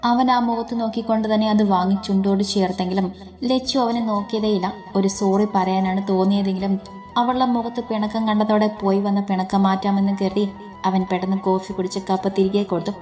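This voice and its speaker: A woman narrating a romantic story in a measured, emotive reading. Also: medium pitch, steady tone, darkish tone, faint music behind.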